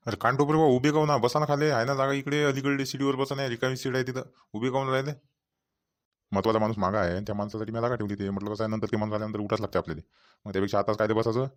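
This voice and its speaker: In cartoon comedy dialogue, a man voices a talkative village farmer chairing a local meeting, with a rural Vidarbha Marathi accent. He speaks rapid-fire at medium pitch with a steady tone and a natural voice, rambling and repetitive in a businesslike, chatty mood.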